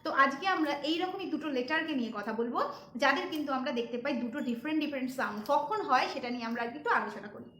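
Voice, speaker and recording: A woman's voice: sits high, racing, fairly bright tone. A woman hosting a children's phonics lesson, talking in a sing-song teacher tone that keeps checking whether her young learners follow, with English words mixed into her speech. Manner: mixes Bengali with English words. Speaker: channel host and teacher.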